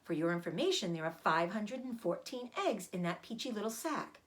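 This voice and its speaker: A woman's voice: medium pitch, sing-song, a little fast, natural voice. Woman voicing an earnest, indignant young pig. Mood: proud, scolding.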